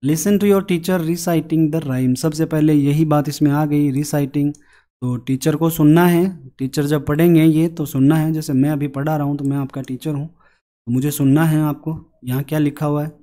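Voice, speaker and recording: Male teacher, online worksheet lesson, explains step by step, slightly high pitch, mellow tone. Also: little pitch movement. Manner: explains step by step, asks and answers own questions; slowly sings a children's rhyme line by line. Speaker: English teacher.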